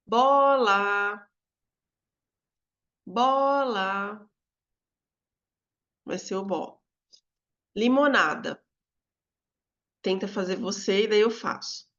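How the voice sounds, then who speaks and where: A woman with a Brazilian Portuguese accent teaching a recorded video lesson, speaking calmly and calling out words in a drawn-out sing-song to show stress. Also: mid-range voice, lo-fi sound.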